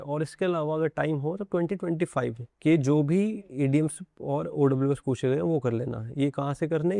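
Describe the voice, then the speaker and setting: A man's voice: on the high side, creaky, dark tone, no echo, clean studio sound. A young man from India with an Indian accent, teaching an exam-prep lesson and explaining in a direct way to his students. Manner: mixes English terms into Hindi, addresses students directly.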